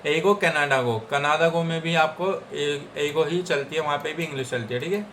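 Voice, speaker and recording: A man's voice: on the high side, normal speed, fairly bright tone, slight background noise. A young man from India teaching Japanese vocabulary in a casual Hindi lesson, repeating each word several times and checking in with "theek hai guys".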